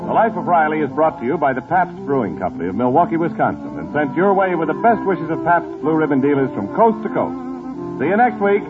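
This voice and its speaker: Male radio announcer, 1940s, lively bouncing pitch, tinny old broadcast disc sound. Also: loud music behind the voice. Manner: brisk, upbeat salesman's delivery.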